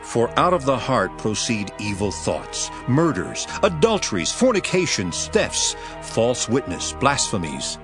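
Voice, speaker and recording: An actor playing Jesus as a grave, authoritative teacher, speaking solemnly and emphatically in a scripture dramatization. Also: male voice, medium pitch, huge pitch swings, unhurried, few pauses. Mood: solemn teaching. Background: music.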